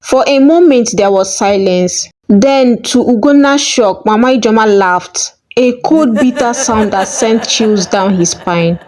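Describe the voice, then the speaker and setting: A woman telling a village folktale in an even, measured, scripted narration. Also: fairly high pitch. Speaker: storyteller.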